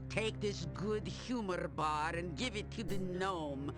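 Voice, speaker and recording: An actress playing a gleeful, menacing old witch in a fantasy game, drawing out her words with mock sweetness. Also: fairly low pitch. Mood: grudging, smug. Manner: theatrical, drawn-out, mock-sweet cackling delivery. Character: gleeful menacing old witch Baba Yaga, man-eating. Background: game music.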